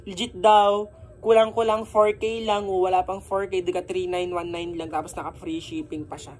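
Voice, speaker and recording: A woman's voice: lowish voice, level tone, moderate pace, a little mellow. Woman vlogger; playful, teasing, chats straight to her viewers. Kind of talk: casual vlog.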